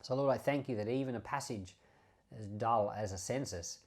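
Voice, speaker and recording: Speaking at a moderate pace in a lowish voice, a man who pastors and hosts a podcast walks through scripture in a relaxed, conversational style. He stresses key terms through repetition as part of his informal Bible teaching.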